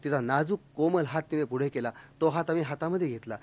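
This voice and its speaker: High-voiced Marathi storyteller, mock-dramatic. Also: male voice, quick pace, highs cut off. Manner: lively, mock-dramatic, expressive. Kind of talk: humorous live storytelling.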